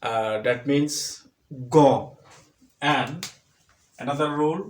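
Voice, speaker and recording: A male English teacher with a Bangladeshi accent, slowly and deliberately spelling out letters and sounds in a spoken English pronunciation lesson. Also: mid-range voice, darkish tone. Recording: echoey room, voice distant from the mic.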